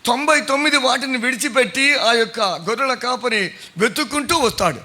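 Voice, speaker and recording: High bright-voiced preacher man. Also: fairly quick. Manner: questioning the congregation, conversational preaching. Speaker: pastor and Bible college principal. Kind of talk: sermon.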